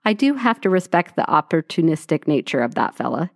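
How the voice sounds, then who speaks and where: A woman's voice: low voice, very animated, fairly quick, creaky, dry recording. A woman co-hosting a podcast, reading a blog aloud to her co-hosts in a dry, wry way, sometimes correcting herself. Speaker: podcast co-host.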